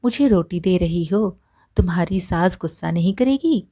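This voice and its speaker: A woman's voice: on the low side, animated, normal speed, warm tone. A woman voicing a poor, hardworking old village woman who talks plainly and practically. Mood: homely.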